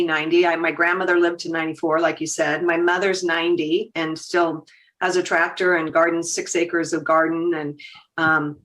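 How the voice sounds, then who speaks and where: A woman in her 50s, an agency founder appearing as a podcast guest, talks animatedly in a lowish, slightly bright voice. She laughs easily and voices her own thoughts as quotes in the casual conversation, though the recording is rough.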